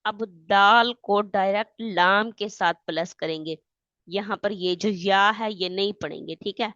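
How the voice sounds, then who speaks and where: Woman teaching a recitation lesson, smooth voice, dry and a bit muffled, spells each letter then reads it slow. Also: mid-range voice, a bit bright, no echo. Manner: spells letters and vowel marks aloud, then recites slowly; patient, keeps checking in with "theek hai". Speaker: Quran teacher.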